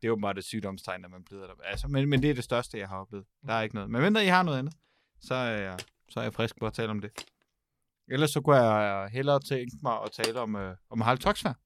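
A man's voice: on the low side, lively intonation, fairly bright tone, a little hiss or hum. A man hosting a casual comedy podcast, talking with lots of fillers and laughing often. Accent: Danish. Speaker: podcast host.

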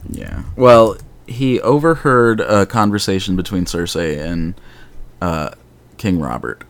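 Deep male podcast host, casual fan-chat delivery, rambling and animated. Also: slow pace.

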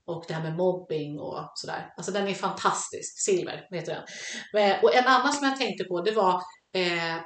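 A woman co-hosting a casual chat about songs, talking in a halting, reflective way as she searches for words. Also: lowish voice, fairly bright tone, slight background noise. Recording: echoey room.

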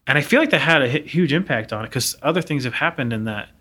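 A man's voice: medium pitch, animated, fast talker, bright, forceful tone, slightly rough. A man in his thirties co-hosting a podcast, telling a personal story earnestly in casual conversation. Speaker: podcast co-host. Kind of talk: casual chat.

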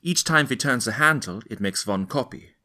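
A man's voice: medium pitch, lively intonation, normal speed, bright, forceful tone. An actor playing an earnest young male student who leads a resistance group, explaining things step by step in a dramatized historical interview. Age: 20s. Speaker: interview guest.

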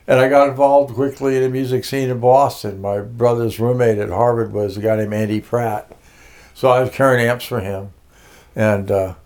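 A man's voice: on the low side, a little mellow. An older man from Connecticut, a music producer being interviewed, telling his life story casually with many fillers and restarts.

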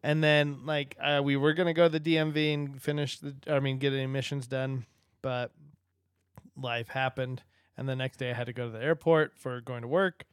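A man's voice: mid-range voice, fairly even intonation, moderate pace, clean tone, no room sound, studio quality. A man co-hosting a casual podcast, telling a rambling story and laughing often. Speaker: podcast co-host. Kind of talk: casual chat.

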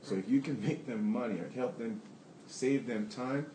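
A man's voice: mid-range voice, moderate pace, warm tone, roomy sound, a little hiss or hum, poor audio. A man who owns a plumbing business, answering audience questions candidly and rambling with restarts. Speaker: plumbing business owner on a panel.

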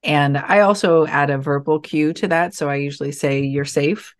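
A woman giving calm, measured and reassuring advice in a relaxed conversation. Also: deep voice. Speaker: podcast guest.

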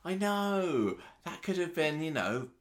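A woman co-hosting a podcast, chatting in a relaxed way, agreeing and laughing along. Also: deep voice, slow. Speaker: podcast co-host. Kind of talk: casual chat.

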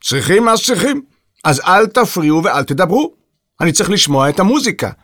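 A man voicing a grumpy, hard-of-hearing old composer who shouts irritably in a children's audio story. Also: mid-range voice, steady tone, breathy edge. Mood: grumbling.

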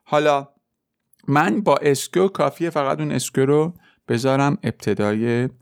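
A man teaching a French lesson, explaining step by step and repeating French example sentences slowly. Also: mid-range voice, creaky, clean tone, dry recording, studio quality. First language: Persian. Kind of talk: podcast language lesson.

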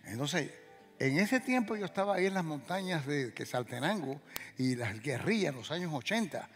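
An older man from Cuba, a pastor telling a story in a sermon, animated and acting out dialogue and sound effects. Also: a little high, normal speed, big-room sound, faint music behind.

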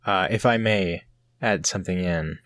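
A man narrating a tabletop game as game master, improvising with hesitant pauses mid-sentence. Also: sits low, fairly bright tone, dry recording.

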